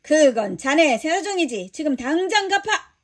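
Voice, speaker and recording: A grasping male servant from a children's Bible story, whiny when he begs and harsh when he bullies, played by a woman. The voice sits high and moves slowly. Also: big pitch swings. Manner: whiny begging and harsh shouting. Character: grasping male servant, pleading then bullying.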